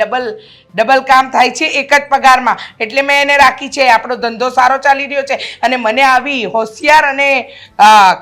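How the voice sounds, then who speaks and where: Middle-aged mother-in-law for a family film drama, sarcastic and scolding, a slightly high voice. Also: pushed and bright.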